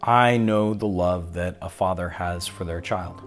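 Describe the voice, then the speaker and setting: Male pastor, very low voice, unhurried and weighty sermon delivery with long pauses. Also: faint music behind. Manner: slow, solemn and deliberate, with long pauses.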